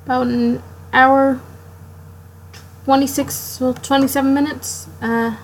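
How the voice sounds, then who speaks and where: A woman live-streaming her drawing late at night, sleepy and yawning, rambling to herself in halting, self-interrupting talk. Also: high-pitched, flat delivery, a little hiss or hum, low-quality recording. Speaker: art streamer.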